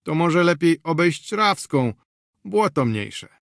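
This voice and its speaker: A man's voice: a little high, sing-song, slow pace, creaky, fairly bright tone, dry recording, studio quality, pitched above the performer's own voice, exaggerated voice. A man voicing a small, slangy street hustler who coaxes a companion to drink. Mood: coaxing. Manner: coaxing, cheeky, slangy.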